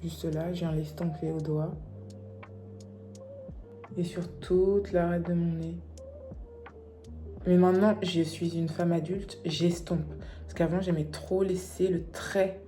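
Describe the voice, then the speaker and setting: Young woman vlogger, mellow low voice, playful self-mocking makeup chat over light music. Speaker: beauty vlogger. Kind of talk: casual makeup tutorial chat.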